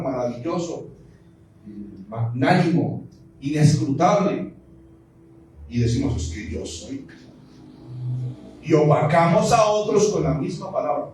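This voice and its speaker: A man's voice: fairly high pitch, warm tone, slight background noise. A man preaching a fervent sermon, calling on the congregation to repeat his words. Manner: fervent, call-and-response with congregation. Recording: echoey distant church room recording.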